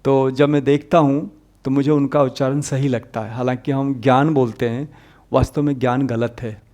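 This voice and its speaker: A man teaching an exam-prep Hindi grammar lecture, explaining patiently and repeating the sounds aloud, rising on key points and dropping low at the ends of phrases. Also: steady tone, moderate pace, darkish tone.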